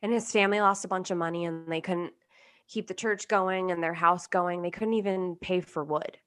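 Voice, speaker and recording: A woman's voice: lowish voice, fairly even intonation, normal speed, fairly bright tone. A young woman hosting a casual podcast, telling a history story in a joking, chatty way and swearing freely. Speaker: podcast host.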